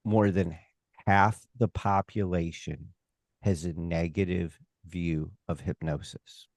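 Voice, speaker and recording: Slow-paced American man, low voice. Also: steady tone, a little mellow, dry recording. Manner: emphatic, opinionated, halting with repeated rhetorical asides. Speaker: stage hypnotist and comedy performer, interview guest. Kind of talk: casual interview talk.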